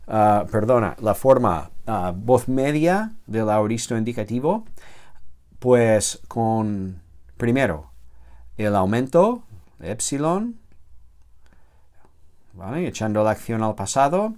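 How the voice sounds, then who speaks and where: A man teaching a grammar lecture, slow and halting, with many self-corrections and filler sounds, drawing out the word forms he spells. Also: medium pitch, very animated, a little mellow. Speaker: theology teacher.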